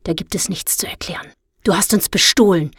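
A woman's voice: lowish voice, fairly quick, fairly bright tone, slightly rough, no room sound. A woman doing an icy, scolding house mother. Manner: cold, harsh, scolding. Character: stern, icy middle-aged house mother.

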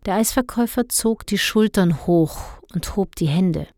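Slow-reading woman storyteller. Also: medium pitch, dry recording, studio quality. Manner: calm storytelling. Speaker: narrator.

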